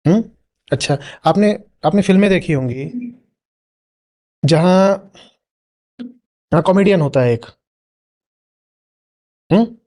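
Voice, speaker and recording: Speaking slowly with frequent pauses, a man with a high, slightly mellow voice and lively intonation delivers a talk to a live audience. He's a spiritual teacher responding to someone in the crowd, questioning them and nudging with "hmm?".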